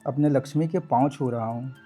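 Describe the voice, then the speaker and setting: An actor playing a gentle young husband who speaks softly and reassuringly. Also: male voice, medium pitch, a little fast, soft background music, natural voice. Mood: tender. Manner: soft, reassuring. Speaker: actor in a short drama. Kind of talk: Hindi short-film acting.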